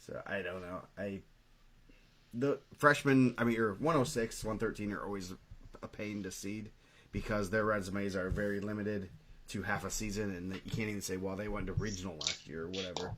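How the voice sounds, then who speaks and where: Low-voiced man reading wrestling results. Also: fairly quick. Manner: reads results in a steady, list-like way. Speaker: co-host of a wrestling podcast. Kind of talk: casual sports chat.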